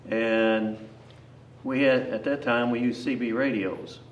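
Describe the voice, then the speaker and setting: A grandfather aged 60 or older tells a rambling, unscripted personal story, folksy and plain-spoken, that often doubles back on itself. His medium-pitched voice is steady and slow. The audio is dull and echoey, from a distant mic with faint noise.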